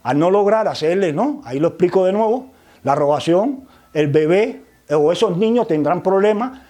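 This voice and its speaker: This high, mellow male voice belongs to a lecturer explaining religious vocabulary. He tends to tack on tag questions and repeats himself as he hunts for the right word.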